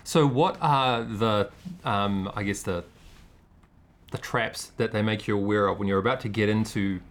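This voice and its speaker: A man's voice: fairly low pitch, normal speed. A man hosting a casual podcast conversation, reflective and asking long, winding questions. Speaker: podcast host.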